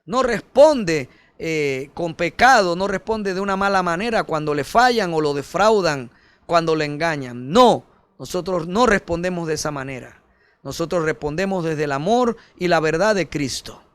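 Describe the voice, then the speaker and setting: A man preaching a sermon as pastor, earnest and emphatic, addressing listeners directly as brother and swinging between forceful peaks and soft, low passages. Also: animated, normal speed, smooth, dry recording.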